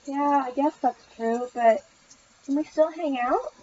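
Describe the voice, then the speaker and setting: An eager, possessive deaf teenage girl, voiced by a woman reading a story. Her voice sits a little high and is read plainly. The recording is dull and lo-fi, with a faint hiss. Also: slow, warm tone. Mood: tense, pleading.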